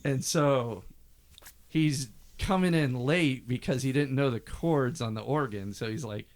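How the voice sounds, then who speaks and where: This podcast co-host talks about an old album at a measured pace and medium pitch. His stories ramble, and he slips into impressions, echoing singing and quoting people in their own voices.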